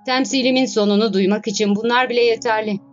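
A woman's voice: fairly high pitch, steady tone, fast, lightly acted. A woman voicing a frustrated, struggling male poet and playwright who keeps sighing and complaining, in a storybook reading. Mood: resigned. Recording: slightly dull recording, faint music.

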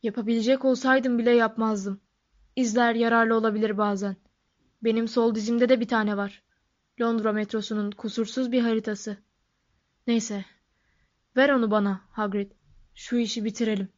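A woman voicing a wise old male wizard headmaster who speaks quietly and in a measured way, in a storybook reading on a dull, lo-fi recording. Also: on the high side, fairly even intonation, lightly acted. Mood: calm.

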